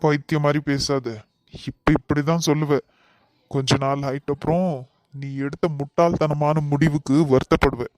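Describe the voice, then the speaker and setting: A man's voice: a little high, little pitch movement, moderate pace, darkish tone, no room sound, natural voice. A man voicing a married young cartoon man with a Kanyakumari Tamil accent, firmly turning away his ex. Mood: cold, firm. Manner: firm, exasperated, then coaxing. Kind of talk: cartoon voice acting.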